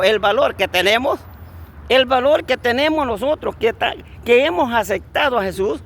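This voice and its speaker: A man's voice: very high voice, fairly bright tone. A man preaching a fervent sermon outdoors, repeating blessings and calling listeners brothers.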